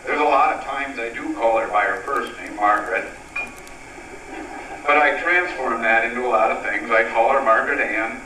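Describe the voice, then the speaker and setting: A man's voice: mid-range voice, moderate pace, bright, forceful tone. Middle-aged man giving an echoey wedding toast. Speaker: father of the bride giving a toast. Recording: echoey, noisy room, distant microphone.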